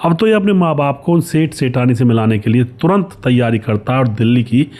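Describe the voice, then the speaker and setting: A man telling a story in a relaxed, chatty way, talking to his listeners as friends. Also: medium pitch, fairly quick. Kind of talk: casual spoken storytelling.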